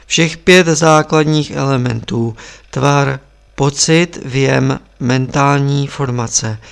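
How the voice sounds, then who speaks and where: A man voicing an old, stern Buddhist abbot who speaks in a measured, instructive way in an audiobook reading. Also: medium pitch, creaky, close to an everyday voice. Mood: solemn.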